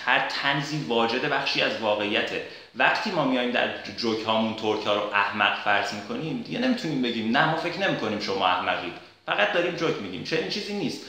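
A man giving an argumentative spoken commentary, pausing often with filler sounds as he builds his case. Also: fairly low pitch, sharp tone. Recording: very echoey room.

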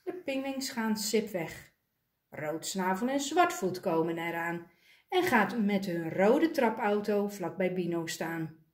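A woman reading a children's picture book aloud in an expressive, sing-song way, asking the listener questions. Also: medium pitch, slow, reverberant. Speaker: storybook reader.

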